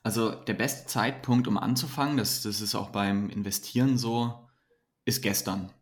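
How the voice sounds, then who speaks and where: A man's voice: on the low side, fairly even intonation, moderate pace. A man, a mentoring coach, giving earnest, motivational answers in a podcast interview, often restarting his sentences.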